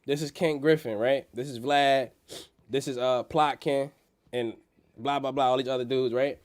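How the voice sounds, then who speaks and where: A man hosts a casual stock market livestream with a blocked-nose, nasal sound, using slang and repeating phrases for emphasis. His voice is medium-pitched with fairly even intonation at a moderate pace.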